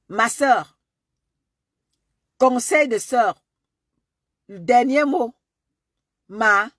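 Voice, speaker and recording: A Cameroonian woman with a Cameroonian French accent, a social media commentator, lectures her followers in a long, scolding monologue, repeating her warnings again and again. Her voice is high with a fairly bright tone, and the sound is dry and close with no echo.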